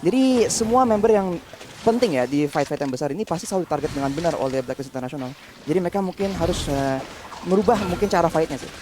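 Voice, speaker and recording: A high-pitched man analyzes a match conversationally. He talks extremely fast over clearly audible game noise. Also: lively intonation. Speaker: esports analyst. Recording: noisy live game broadcast.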